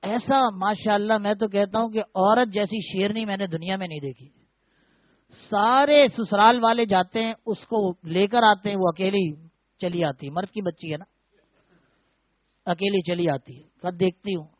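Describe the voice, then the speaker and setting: A man's voice: high-pitched, no room sound. A man preaching a humorous sermon, telling stories and keeping up banter with his listeners. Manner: joking, storytelling, keeps addressing listeners as brother. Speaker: preacher who performs weddings. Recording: tinny phone-like, dry sound.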